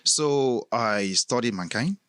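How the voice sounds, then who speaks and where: Slow and medium-pitched, this middle-aged man from Cameroon speaks with a Cameroonian accent over clean, echo-free studio audio. He's a relaxed podcast guest in a casual interview chat, spinning stories and frequently laughing.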